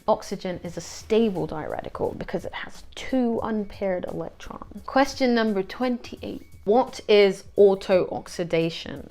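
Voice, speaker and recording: Woman tutor, low and creaky voice, steady question-and-answer revision read, dry asides. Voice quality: gravelly, creaky voice.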